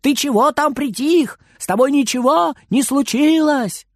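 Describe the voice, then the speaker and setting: A man's voice: very high voice, measured pace, dry recording, studio quality, pitched above the performer's own voice. A man playing a fussy old grandmother. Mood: scolding. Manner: scolding, raised and fussy. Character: old grandmother, cross but loving. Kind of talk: storybook reading.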